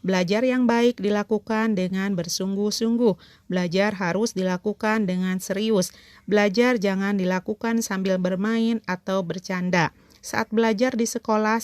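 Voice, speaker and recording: A woman with an Indonesian accent narrates a scripted lesson for schoolchildren as their teacher, enunciating carefully in short, measured phrases. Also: medium pitch, dry recording.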